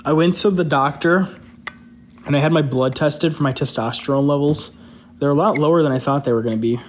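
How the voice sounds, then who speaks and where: A young man hosting a live stream as a social media creator chats casually, loose and candid, with "like" sprinkled all through his talk. His voice sits a little high and runs a little fast, and there's a slight hiss or hum on the audio.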